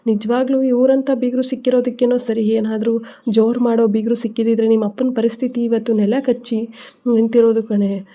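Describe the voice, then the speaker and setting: A woman's voice: fairly high pitch, little pitch movement, a little fast, mellow, close to an everyday voice. A woman voicing a grieving middle-aged mother who laments and scolds in a bitter, despairing way. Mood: lamenting.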